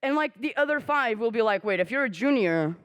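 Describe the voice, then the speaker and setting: A young adult woman, a native Portuguese speaker, gives a candid, self-mocking conference talk on stage, swearing casually and acting out quoted conversations with jumps in pitch. Her delivery is animated and a little fast. The recording is dry and the audio dull.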